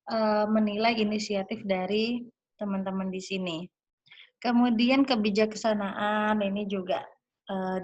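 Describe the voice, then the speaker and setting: A woman lecturer walks her students through slides. She speaks in a chatty, unhurried way and keeps dropping fillers and tag questions. The recording sounds dull and lo-fi. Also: medium pitch.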